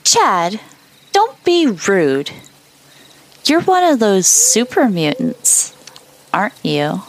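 A woman voicing a slow, sweet young settler. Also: mid-range voice, huge pitch swings, heavily acted, low-quality recording.

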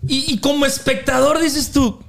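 A man's voice: very high voice, moderate pace, creaky. A man with a Mexican accent recounting a concert in casual chat, acting out the voices of the people he quotes. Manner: animated storytelling, acts out quoted voices.

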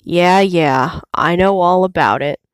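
A woman's voice: fairly low pitch, slow pace, clear, resonant tone, no echo, studio quality. A woman voicing a brave young male lion cub in a storybook, with a raised, boyish voice. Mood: shouting.

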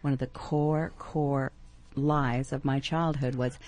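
Casting: low-pitched woman radio co-host, chatty, animated. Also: slow pace. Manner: chatty, animated, laughs easily. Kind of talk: casual radio chat. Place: radio studio.

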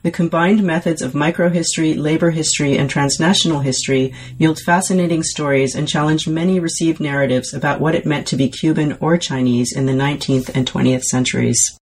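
A woman hosting an academic podcast interview, asking measured, thoughtful questions. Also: low voice, steady tone, a little mellow, slight background noise, low-quality recording. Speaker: podcast host.

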